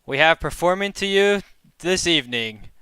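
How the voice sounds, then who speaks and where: Male emcee, showman delivery, higher bright tone, formal and grand. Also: expressive, normal speed, clear, resonant tone, no room sound. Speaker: emcee of a talent show. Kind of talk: showman-style stage announcing.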